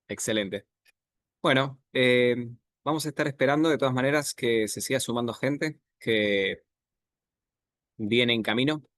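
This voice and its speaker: A man in his thirties from Argentina with an Argentine accent, giving a relaxed online presentation over a video call with many filler pauses. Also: mid-range voice, no echo, clean studio sound. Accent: Argentine Spanish. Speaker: guest speaker, software architect.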